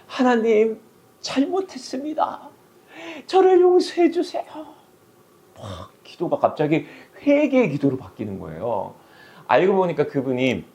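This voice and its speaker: A middle-aged male pastor preaching a sermon, telling a story with animated delivery and acted-out voices. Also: fairly high pitch.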